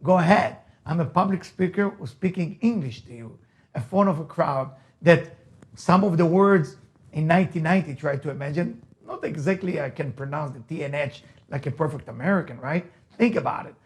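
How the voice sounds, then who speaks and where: With a slightly high voice and a moderate pace, this Israeli-accented native Hebrew speaker gives an emphatic motivational lecture. He is a rabbi, motivational speaker and teacher who repeats key phrases and throws out rhetorical questions.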